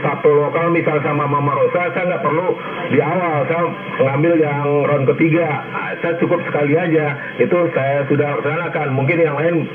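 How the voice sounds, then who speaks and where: A man on an amateur radio net, heard through a two-way radio, speaking formally and deliberately with many hesitant fillers. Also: fairly high pitch, fairly even intonation. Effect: two-way radio transmission. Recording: tinny two-way radio with crowd noise.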